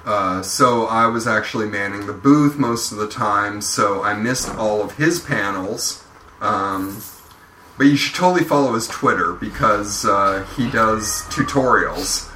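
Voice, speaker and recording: A man's voice: fairly low pitch, a little slow, sharp tone. A man chatting casually as a podcast co-host, rambling with many ums and uhs. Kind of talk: casual group chat. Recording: roomy, somewhat distant mic, faint noise.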